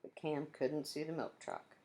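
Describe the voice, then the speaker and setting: Warm in tone and unhurried, a woman teacher's deep voice carries a children's chapter book read-aloud. She pauses for friendly asides directed at her young listeners.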